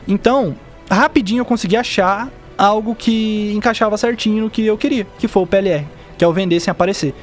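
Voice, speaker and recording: A man's voice: sits high, fairly quick, faint music behind. A young man with a Brazilian accent chatting casually on a podcast, explaining things with examples in slangy speech. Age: young adult. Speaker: podcast guest, digital marketer. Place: indoor podcast studio. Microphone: dynamic mic on boom arm, close.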